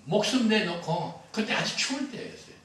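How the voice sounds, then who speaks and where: A man's voice: high-pitched, lively intonation, moderate pace, a bit bright. An older man preaching a sermon as a pastor, telling stories with humor and acting out the dialogue. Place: church sanctuary. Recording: roomy echo, heard from a distance.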